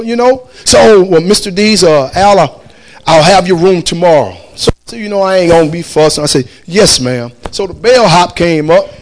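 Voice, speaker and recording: Animated high-voiced man. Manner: animated, acts out quoted voices, laughs often. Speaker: storyteller. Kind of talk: casual storytelling.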